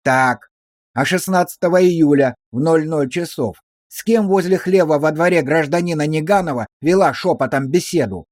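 A man's voice: fairly high pitch, moderate pace, darkish tone, no room sound, studio quality, lightly acted. A man playing a stern rural police officer who speaks in curt, commanding phrases.

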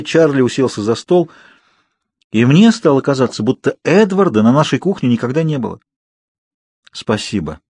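A man reading a first-person audiobook narration in a calm, even manner on a close mic. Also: mid-range voice, husky, dry recording. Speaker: audiobook reader.

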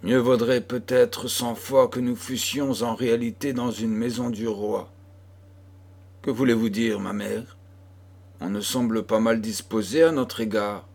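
A man's voice: medium pitch, fairly even intonation, measured pace, darkish tone. A man reading an anxious young daughter. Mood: pleading. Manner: pleading and fearful.

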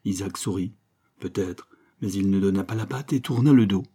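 A man narrating a novel as an audiobook reader, in measured storytelling. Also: deep voice, mellow, slightly rough.

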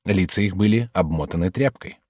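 Calm guy reading a story, lowish voice, dead dry studio. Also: fairly quick, dry recording. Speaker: audiobook narrator. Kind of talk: scripted narration. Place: recording studio.

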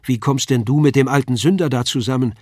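A man's voice: mid-range voice, fairly quick, a little mellow, no room sound, clean studio sound, close to an everyday voice. A man voicing a bustling, motherly old craftsman's wife. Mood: fussing, kindly. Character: kindly elderly woman, a craftsman's wife. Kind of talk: audiobook character voice.

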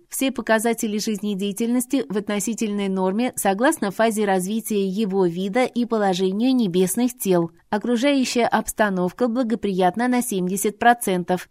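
A booming metallic voice from a magic device, as a woman narrator puts it on, high and loud, reporting in stiff, formal, mechanical phrases. The recording is close and dry, with no room sound. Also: no room sound, close to an everyday voice. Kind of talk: audiobook reading.

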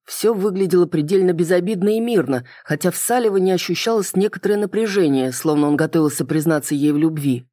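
Calm, even audiobook reader. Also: medium pitch, fast, hardly any pauses, dry recording, studio quality. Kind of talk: first-person fantasy narration.

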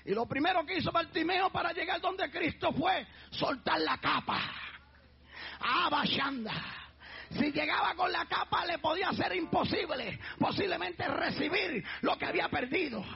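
A man preaching a fiery sermon as pastor, shouting out refrains and crying out praises between phrases. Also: extremely high pitch, lively intonation, normal speed, vocal fry. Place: church. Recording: dull lo-fi church recording with faint music.

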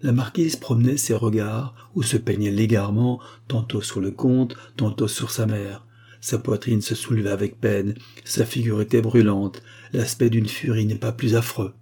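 A man narrating a classic novel as an audiobook in a measured, even manner. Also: fairly low pitch, breathy edge.

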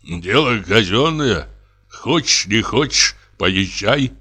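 A man reading an audiobook and voicing a superstitious peasant sexton who mutters hoarse, tearful accusations at his wife. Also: lowish voice, lively intonation, takes it slowly, pushed and bright, full character voice. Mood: grumbling.

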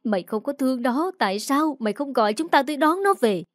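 A woman voicing a distraught middle-aged mother who pleads and shouts in a raised voice. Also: mid-range voice, fairly quick, dry recording, clean studio sound, close to an everyday voice. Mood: furious.

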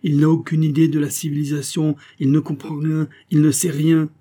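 A man's voice: on the high side, completely flat delivery, normal speed, dark tone, pitched above the performer's own voice, lightly acted. A man voicing a stout, mocking middle-aged male interpreter in a storybook reading, scornful and jovial.

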